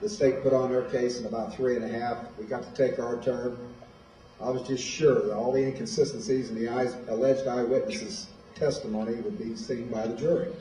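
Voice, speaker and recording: A man in his fifties gives a plainspoken personal testimony to a school audience. His voice is mellow and dark. He sounds distant from the mic, in a roomy hall with noticeable echo. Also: mid-range voice, fairly even intonation, fairly quick. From Illinois, USA. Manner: plainspoken, storytelling. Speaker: guest speaker at a school. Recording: echoey hall, voice from far off.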